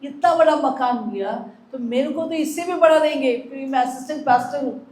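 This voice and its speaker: A man's voice: very high voice, brisk, darkish tone. A woman voicing a boastful male assistant pastor in a sermon story, in an echoey hall. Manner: proud, then pleading.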